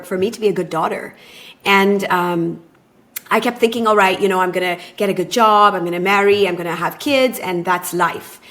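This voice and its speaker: A woman in her thirties, raised abroad, speaking as a podcast guest and relationship coach in a thoughtful, measured way. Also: fairly low pitch. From born in Taiwan, raised in Japan. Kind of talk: conversational podcast interview.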